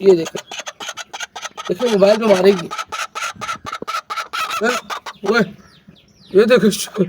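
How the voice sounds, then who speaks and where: Outside with his chickens, a man records a chatty phone vlog about his pet hens, addressing friends and getting excited around the hen. His voice sits high and he goes slowly with long pauses, while background noise is present.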